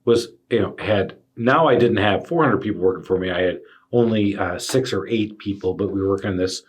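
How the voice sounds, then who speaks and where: Husky-voiced male podcast host, lowish, spins lively anecdotes. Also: brisk. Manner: animated storyteller with fillers. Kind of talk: casual storytelling chat.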